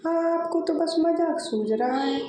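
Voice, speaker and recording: A woman's voice: very high-pitched, a little slow, dark tone, reverberant, slight background noise, pitched above the performer's own voice. A woman voicing a middle-aged mother who scolds and complains about her daughter. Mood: scolding.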